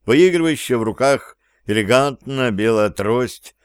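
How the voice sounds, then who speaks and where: Male audiobook narrator, smooth resonant voice, dry studio sound. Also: medium pitch, unhurried, dry recording. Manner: steady, even storytelling. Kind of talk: scripted fantasy narration.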